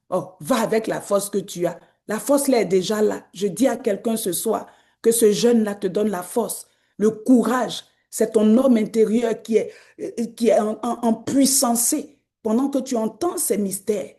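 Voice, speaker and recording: A woman preacher, delivering an exhorting sermon that climbs to loud, emphatic peaks. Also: mid-range voice. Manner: acts out quoted voices.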